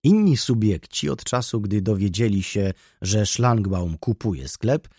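A man narrating a classic novel as an audiobook in an expressive storytelling manner. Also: lowish voice, measured pace, husky, no room sound, studio quality. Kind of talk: scripted literary narration.

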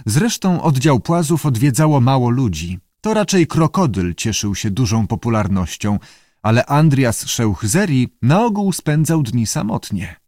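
Measured male audiobook narrator. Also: mid-range voice, no room sound, studio quality. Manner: steady, measured. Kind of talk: audiobook reading.

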